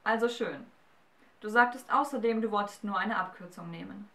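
Loge, von einer Frau gelesener drohender Feuerriese. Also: female voice, mid-range voice, normal speed, bright, forceful tone, echoey room, recorded from a distance. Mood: fordernd. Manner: commanding, menacing. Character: fiery male giant ruler, proud and threatening.

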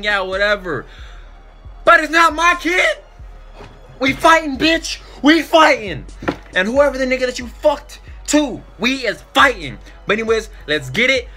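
Young male reaction host, lively pitch swings, bright tone, slangy and profane, music underneath. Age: young adult. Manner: slangy, excitable. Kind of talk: casual profane reaction commentary. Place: small bedroom indoors.

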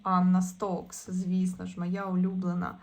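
A woman's voice: on the low side, completely flat delivery, a little slow, darkish tone. A woman chatting casually through an unboxing, with hesitant fillers and restarts. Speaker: vlogger unboxing tarot and esoteric goods.

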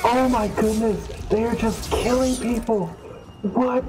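Young man, high voice, jumpy gameplay commentator who yells at the screen; faint music under. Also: unhurried, poor audio. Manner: excitable, exclamatory, talks to the game. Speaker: gameplay channel host. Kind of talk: let's play commentary.

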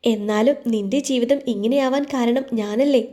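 A woman voices a young woman in a storybook, weighed down by guilt and close to tears. She pleads softly, her voice slightly high and warm. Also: normal speed, natural voice. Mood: pleading. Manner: pleading, soft.

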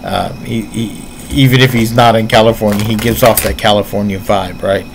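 A man's voice: on the low side, fairly even intonation, normal speed, vocal fry, noisy background. A man giving casual reaction commentary on martial arts, explaining his points earnestly while thinking aloud.

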